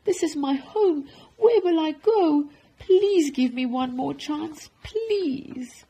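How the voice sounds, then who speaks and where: A woman's voice: high voice, lively intonation, takes it slowly, mellow, pitched above the performer's own voice, full character voice. A woman voicing a humble, anxious male village baker in a storybook, with a fretful, emotional delivery. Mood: pleading. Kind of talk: storybook character voice.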